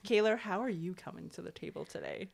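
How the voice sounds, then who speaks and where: A woman's voice: mid-range voice, quick pace, gravelly. A woman hosting a podcast, bubbly and enthusiastic as she introduces people. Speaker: podcast host. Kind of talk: casual podcast chat.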